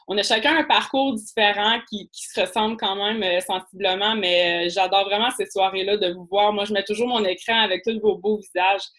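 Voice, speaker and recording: A woman co-hosts a live video call with a friendly, eager tone. She speaks casually and warmly to the people watching. Her voice sits in an ordinary middle range. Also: mid-range voice, steady tone, brisk, few pauses.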